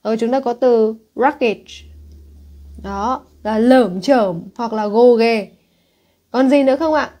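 Cô giáo dạy tiếng Anh, giọng trầm ấm. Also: female voice, on the high side, slow pace, warm tone. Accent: Northern Vietnamese. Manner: checks in with students constantly, asking if they follow; reads English words aloud then explains them. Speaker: English teacher. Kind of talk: exam-prep lesson.

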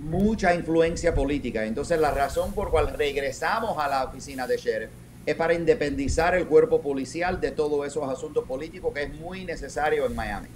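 A middle-aged retired police commander, raised in New York, answers interview questions over a webcam video call from his home office. He speaks haltingly, restarting often and mixing in English words, in a fairly high, darkish voice with slight background noise.

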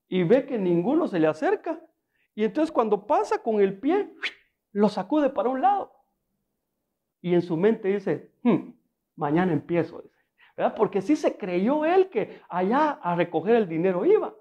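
A man preaches in a relaxed, storytelling manner, keeps asking rhetorical questions, and slips in touches of humor. His voice is warm and dark, with a lively, animated rise and fall. The recording is dull and lo-fi. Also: very high voice, measured pace. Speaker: pastor. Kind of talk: sermon.

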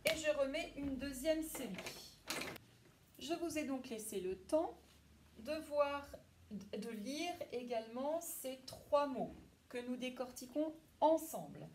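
A woman teaching a class lesson to young children, speaking slowly and clearly and praising pupils by name. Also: high-pitched, expressive, a little mellow, a little hiss or hum. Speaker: primary school teacher.

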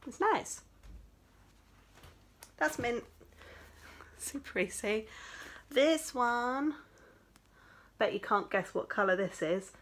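Tired but chatty, a woman crochet vlogger shows off yarn from a small craft room at home. Her voice sits high with a fairly bright tone, and her casual talk rambles along with many fillers.

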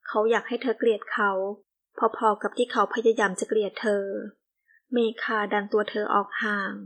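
Female narrator, steady storytelling read, audio novel. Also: mid-range voice, normal speed. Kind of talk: scripted narration.

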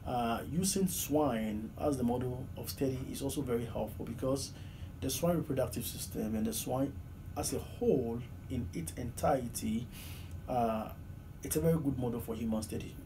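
A Ghanaian man in his thirties answers questions in an earnest, halting way, full of fillers and restarts. His voice sits at an ordinary pitch. He was recorded by a camera across a small office, with clear background hiss. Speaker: PhD student guest. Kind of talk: interview answers. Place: small office, seated in desk chair. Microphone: far camera, low angle. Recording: noisy room recording.

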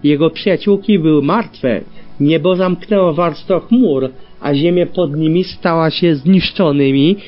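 A man reading a story aloud as an audiobook, telling it in an expressive way. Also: a little high, unhurried. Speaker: audiobook reader. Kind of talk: scripted narration of fan fiction. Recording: dull lo-fi with faint music.

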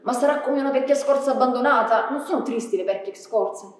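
A woman reading a gentle, sad little prince boy aloud on a theatre stage, with a soft, tender, quietly pleading delivery. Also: high voice, a little fast, slight background noise, lightly acted. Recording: echoey theatre from far off.

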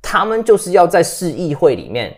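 A man's voice: a little high, wildly swooping pitch, normal speed. A man in his thirties co-hosting a casual talk show, telling stories with English phrases mixed in. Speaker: co-host. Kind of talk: casual political chat.

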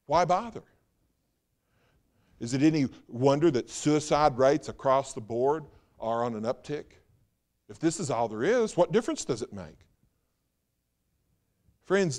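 In a church sanctuary, a pastor with a fairly high-pitched voice preaches a Sunday sermon. He fires off rhetorical questions, then drops to a hushed, slow voice for emphasis.

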